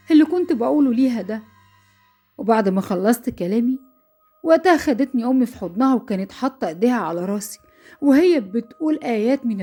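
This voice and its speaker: Brief: Egyptian female storyteller, young, fearful and quick, warm husky tone. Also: a little high. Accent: Egyptian Arabic. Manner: breathless, fearful retelling. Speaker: narrator. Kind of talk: dramatic first-person horror storytelling.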